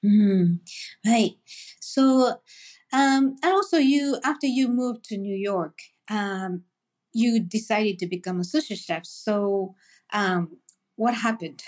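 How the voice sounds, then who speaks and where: A woman's voice: medium pitch, slow. A woman hosting a food podcast, reading a prepared introduction and then asking her guest questions. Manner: steady, reads a prepared introduction, then asks short questions. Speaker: podcast host.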